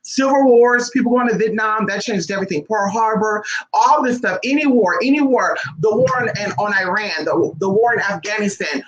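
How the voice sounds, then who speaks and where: High-voiced man ranting bluntly. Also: moderate pace, few pauses, fairly bright tone, highs cut off. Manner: blunt, profane and emphatic, with repeated rhetorical questions. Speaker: spiritual practitioner vlogger. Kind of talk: unscripted ranting monologue.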